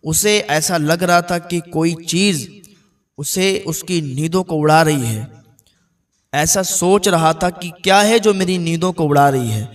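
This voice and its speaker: A man's voice: a little high, distant mic. A male preacher telling a moral story in sermon style, exhorting and repeating his points. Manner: exhorting, repetitive preaching narration.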